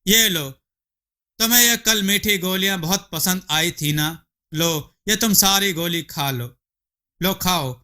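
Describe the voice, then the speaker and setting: A man's voice: high voice, slow, sharp tone, full character voice. A man voicing a simple-minded village farmer husband in a storybook tale, fussy and full of exclamations. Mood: coaxing.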